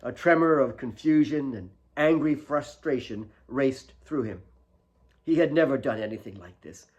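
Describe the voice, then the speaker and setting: An author reads his own novel aloud in a scripted, dramatic audiobook style. His medium-pitched voice has a darkish tone and a normal pace, though the audio sounds dull.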